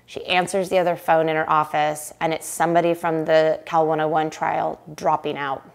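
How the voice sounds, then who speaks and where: Woman telling her story, kinda low voice, chatty and animated, lots of "like". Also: moderate pace, vocal fry. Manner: animated, acts out quotes, casual fillers like "like" and "right?". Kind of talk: emotional personal storytelling.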